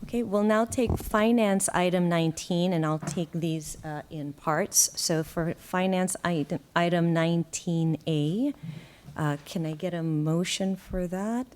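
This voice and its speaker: A woman chairing a school board meeting, calling for motions and questions in a brisk procedural way. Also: lowish voice, darkish tone.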